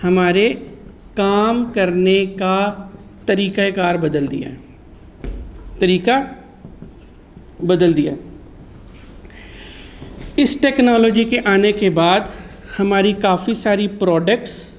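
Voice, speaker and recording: A man's voice: high-pitched, slow, pauses often. A man giving a chatty classroom lecture, teasing his students and mixing in English terms. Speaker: teacher.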